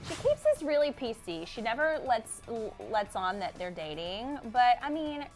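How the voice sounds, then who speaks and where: A woman's voice: fairly high pitch, sing-song, normal speed, faint music behind, rough recording. A woman co-hosting a celebrity gossip show, chatting casually and slangily through entertainment news.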